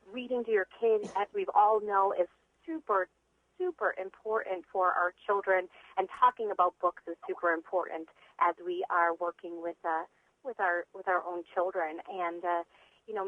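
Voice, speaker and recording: A woman's voice: medium pitch, fairly even intonation, moderate pace, no echo. A woman reading tutor calling in to an interview, talking eagerly with frequent fillers. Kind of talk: phone-in interview. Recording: tinny phone line.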